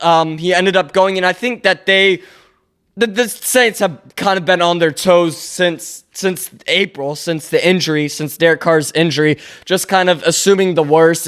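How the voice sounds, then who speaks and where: High-voiced, smooth young man talking sports. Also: normal speed, fairly bright tone. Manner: rambling, self-correcting, opinionated. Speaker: podcast host. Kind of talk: casual solo sports commentary.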